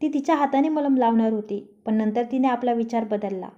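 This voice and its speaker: A woman tells a story in a steady, even reading voice. Her tone is soft and mellow and sits a little high. The recording sounds dull and lo-fi. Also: fairly quick. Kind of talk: storytelling narration.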